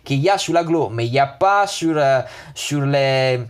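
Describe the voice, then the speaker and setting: A man speaks French as a second language, with a foreign accent. His voice sits at a middle pitch. He talks casually like a gaming video host, haltingly, often repeating words and restarting his sentences. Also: lively intonation, clear, resonant tone. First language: not French. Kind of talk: casual unscripted game character review.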